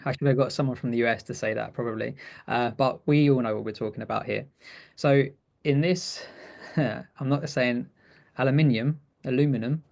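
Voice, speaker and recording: A man's voice: mid-range voice, normal speed, creaky, a little mellow. A man co-presenting a webinar, chatting casually through a technical demo with frequent restarts and easy laughs. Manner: chatty, self-correcting, laughs easily.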